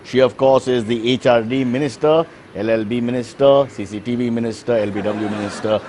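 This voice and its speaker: A man's voice: mid-range voice, steady tone, fairly quick, darkish tone, a little hiss or hum. A man with an Indian accent hosting a satire show as a parody news anchor, mock-serious and exclamatory, with exasperated asides.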